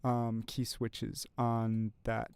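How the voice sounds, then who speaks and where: Streaming his composing session live, a man thinks out loud in a loose, rambling way full of fillers, chatting with viewers and reading their comments aloud. His voice sits at medium pitch and comes out monotone, creaky and very slow.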